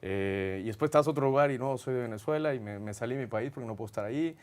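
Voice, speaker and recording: Answering interview questions, a film director from Guatemala talks fast in a mid-range voice, with a Guatemalan Spanish accent. He is earnest and reflective, but his answers are full of hesitations.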